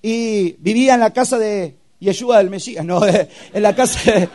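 High-voiced man preaching a testimony. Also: moderate pace, darkish tone. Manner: storytelling, emotional, acts out scenes with sound effects. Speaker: youth camp preacher. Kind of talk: testimony sermon.

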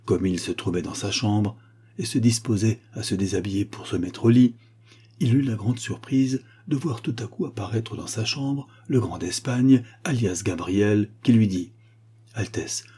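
A man reading a novel aloud as audiobook narration, measured and storytelling. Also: fairly low pitch, warm tone, husky. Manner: measured storytelling with acted quotes. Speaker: audiobook reader. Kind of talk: scripted narration.

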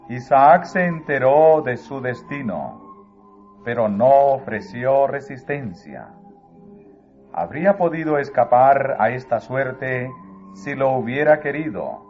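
A man reads a religious story aloud at a slow, measured pace, solemn and steady. His voice sits at a plain middle pitch. The audio is thin and phone-like, with soft music playing underneath. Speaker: narrator. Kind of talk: scripted religious book reading. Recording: phone-like narrow sound, faint music.

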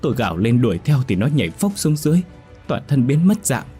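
A man's voice: mid-range voice, very animated, quick pace, warm tone, faint music behind, pitched above the performer's own voice, close to an everyday voice. A man voicing a young wife sobbing and stammering over her missing baby in a ghost story. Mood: terrified. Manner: stammering, wailing.

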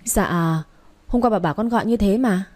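A woman's voice: medium pitch, moderate pace, darkish tone, natural voice. A woman reading the part of a chatty, cheeky young servant girl who talks in a whiny, gossipy way, in a narrated story. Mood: pleading.

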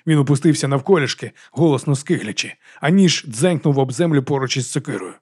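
Brisk male audiobook narrator. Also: mid-range voice, expressive, darkish tone, slightly rough. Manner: brisk, dramatic storytelling.

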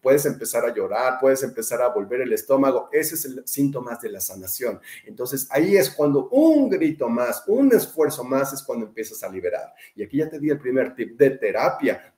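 A man's voice: medium pitch, darkish tone, reverberant. A man with a Mexican accent giving a talk, emphatic, listing phrases in repeated runs and asking and answering his own questions. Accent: Mexican Spanish. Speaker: biodecoding speaker. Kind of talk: talk to an online audience.

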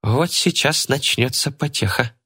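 A man's voice: medium pitch, unhurried, pushed and bright, husky, pitched above the performer's own voice. A man voicing a wry young woman who mocks and jokes in a chummy way. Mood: amused. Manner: mocking and chummy.

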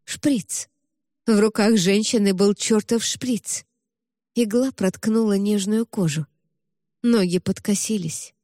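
A woman narrating an audiobook in a measured, even reading voice. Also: mid-range voice, dry recording, studio quality.

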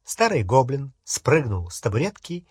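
A man reading an audiobook in an even, measured way, with a husky voice. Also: mid-range voice, no room sound, clean studio sound. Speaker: audiobook narrator. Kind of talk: audiobook narration.

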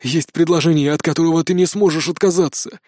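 A man voicing an exhausted, scheming old male shaman in an audiobook, with a hoarse, hissing delivery and a sullen, pushy manner. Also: a little high, steady tone, fast talker, a little mellow, no room sound, clean studio sound, lightly acted. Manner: sullen, then pushy and wheedling. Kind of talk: audiobook character voice.

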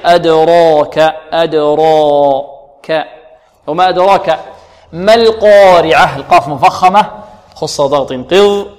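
A man teaching Quran recitation rules, asking questions and answering them, and slowly drawing out model readings. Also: fairly high pitch. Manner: asks students questions then answers, drawn-out model recitation. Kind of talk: tajweed lesson, questioning and demonstrating. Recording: long hall reverb.

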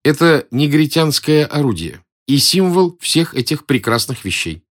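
A man voicing a bold, blunt young woman with a lively, questioning way of speaking. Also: fairly high pitch, unhurried, voice pushed up. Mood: mocking.

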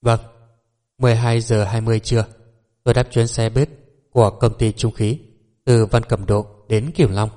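A man reading the part of a calm, composed businesswoman who runs a beauty salon, answering police questions politely in an audiobook. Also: mid-range voice, moderate pace, pauses often, close to an everyday voice.

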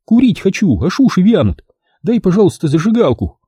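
A man's voice: high voice, sing-song, a little fast, warm tone, husky, no echo, clean studio sound, voice pushed up, exaggerated voice. A man voicing a cunning woman in a crime audiobook. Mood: mock-sweet. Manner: businesslike, then sweetly two-faced. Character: shrewd, flirty female criminal client.

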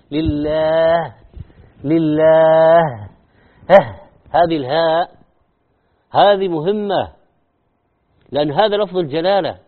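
A man giving a religious lesson, acting out wrong and right ways of saying short phrases by repeating them. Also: sits high. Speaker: Islamic teacher. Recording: tinny phone-like sound.

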